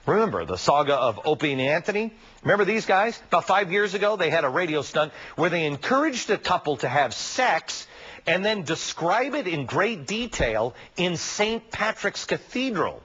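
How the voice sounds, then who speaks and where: A man's voice: sits high, very animated, normal speed, a bit bright, husky. A man hosting a TV commentary show, talking emphatically and sarcastically, full of rhetorical questions. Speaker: TV commentary host. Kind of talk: opinion monologue and interview. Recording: dull lo-fi broadcast audio.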